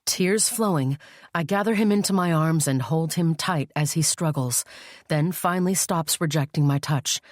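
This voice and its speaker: A woman with a low voice reads a first-person thriller audiobook. Her delivery turns emotional in dialogue, and the sound is dry and close to the mic. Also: dry recording. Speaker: audiobook narrator.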